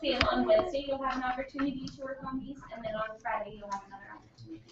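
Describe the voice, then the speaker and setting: A woman's voice: high-pitched, very fast, roomy sound. A young woman teaching a class, questioning and encouraging her students, recorded from a distance in a classroom. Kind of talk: classroom lesson. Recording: dull, noisy classroom recording from afar.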